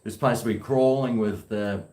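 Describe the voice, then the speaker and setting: A vlogger with a broad New Zealand accent rambles to himself at home, chatty and full of slang. His voice is lowish and dark, with fairly even intonation at a normal speed, and the room sounds echoey.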